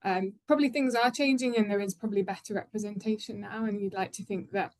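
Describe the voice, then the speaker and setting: A woman's voice: medium pitch, steady tone, quick pace, darkish tone. A British woman speaking off the cuff as a researcher on a panel, explaining in a tentative way and often circling back to rephrase. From United Kingdom. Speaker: academic researcher on accents and child language. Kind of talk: spontaneous panel talk.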